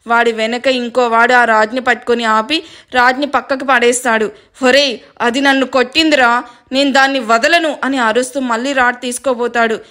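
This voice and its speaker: A woman narrating a dramatic story in a steady storytelling manner. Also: high voice.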